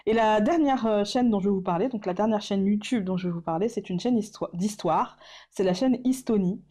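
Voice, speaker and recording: Mellow-voiced woman chatting hesitantly. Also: medium pitch, fairly quick. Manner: hesitant, many fillers and restarts; laughs often at herself. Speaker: YouTuber. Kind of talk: casual vlog chat.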